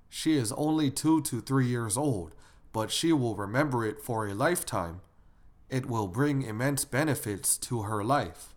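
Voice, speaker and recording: A male lecturer gives a measured moral lesson at an ordinary mid pitch. He explains each point steadily and stops to put questions to his listeners. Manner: measured and instructive, asks the audience questions. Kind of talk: didactic lecture.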